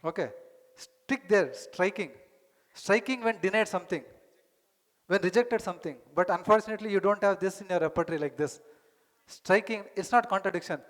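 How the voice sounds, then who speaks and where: A man's voice: high voice, very slow, long pauses. A man lecturing a conference hall and quizzing the audience, mixing in Tamil words. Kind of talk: teaching lecture.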